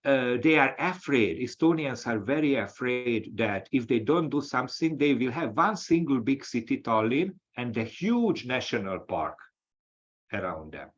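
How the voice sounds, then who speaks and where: A man from Hungary with a Hungarian accent, an associate professor giving a lecture-style webinar talk, speaking haltingly with many restarts over a video call. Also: medium pitch, very animated. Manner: halting, with frequent restarts and fillers. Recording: dull, lo-fi audio.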